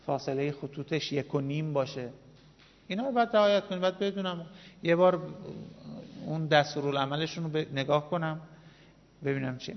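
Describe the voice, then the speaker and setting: A male teacher lecturing a class in an animated, emphatic way, repeating his points for the students. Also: fairly high pitch. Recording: dull, reverberant classroom recording.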